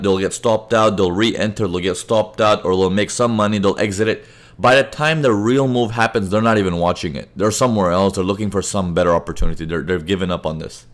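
A man presenting a live trading webinar, explaining charts conversationally and often checking in with his audience. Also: fairly low pitch. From Indian parents, raised in several countries. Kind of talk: live webinar teaching with chat questions.

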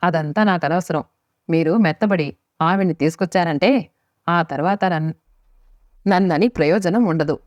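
A woman voicing a sharp-tongued scolding wife. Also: on the low side, moderate pace, long pauses, no echo, natural voice. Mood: defiant. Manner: biting, scolding. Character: sharp-tongued middle-aged wife, quarrelsome and resentful. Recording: dry, slightly muffled lo-fi recording.

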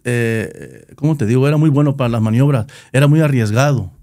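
A middle-aged man with a Nayarit Mexican Spanish accent recalls how he founded his band, talking in a loose, slangy way. He repeats and restarts words as he goes. His voice is mellow and warm, and the recording is dry and close. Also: medium pitch, fairly quick, no room sound. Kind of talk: casual storytelling interview.

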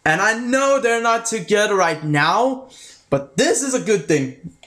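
High, slow-talking male reviewer; casual, halting, self-correcting delivery with a half-American, half-British sound. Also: lively intonation, a bit bright. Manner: halting, restarts sentences often. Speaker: video reviewer. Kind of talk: casual spoken video review.

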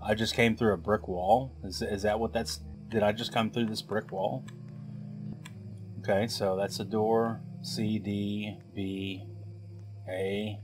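A man with a somewhat low voice narrates a gameplay session at an unhurried, slow pace. He thinks aloud as he works out puzzles and tosses in wry remarks. Game music plays clearly under his voice. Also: flat delivery. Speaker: let's play host. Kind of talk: gameplay commentary.

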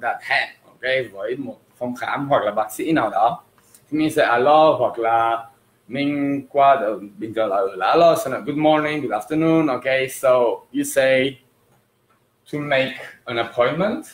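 Slow-talking male teacher in an echoey room. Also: medium pitch. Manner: slow, drawn-out words for drilling pronunciation. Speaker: English teacher. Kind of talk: livestream language lesson.

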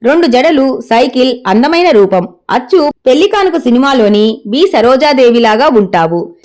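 A playful college girl teases her friend, her voice fairly high with a lively lilt, as a woman storyteller plays her. She comes from a read-aloud audio story. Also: moderate pace. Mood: teasing. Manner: teasing.

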